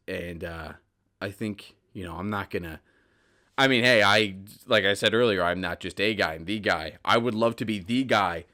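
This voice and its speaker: A man with a slightly low voice hosts his own podcast in a loose, casual solo monologue. He talks earnestly, circling his points, restarting sentences and leaning on fillers as he goes. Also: pushed and bright. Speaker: podcast host.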